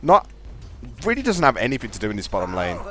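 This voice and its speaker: A man casting a live video game match, fast play-by-play with a fairly steady delivery. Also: lowish voice, faint music behind. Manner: fast, chatty play-by-play talking to co-caster; calls his own voice monotone. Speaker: esports caster.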